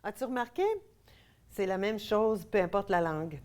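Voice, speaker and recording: A woman's voice: medium pitch, normal speed, darkish tone. A woman from Quebec with a Québécois accent hosting a laughter yoga TV show, bubbly and laughing often as she leads exercises. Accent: Québécois French. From Quebec, Canada. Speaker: laughter yoga instructor and host. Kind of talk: upbeat on-air instruction with laughter exercises.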